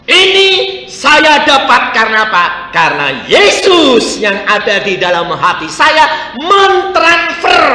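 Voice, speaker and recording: A male pastor preaching a sermon, shifting from soft asides to loud, emphatic points. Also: a little high. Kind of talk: sermon with acted-out anecdote. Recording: echoey church hall with long reverb.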